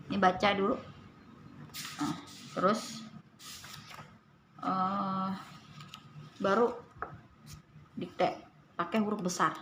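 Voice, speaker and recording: A woman tutor patiently walking through a reading and writing workbook, explaining points slowly and repeating them. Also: medium pitch, background noise. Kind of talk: casual tutorial walkthrough.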